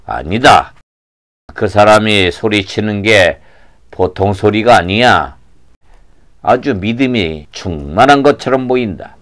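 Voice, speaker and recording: Pastor putting on a low, soft-spoken, solemn healer for a kids' puppet show. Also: male voice, lively intonation, takes it slowly. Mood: gentle. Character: calm, kindly male savior figure, grave and gentle.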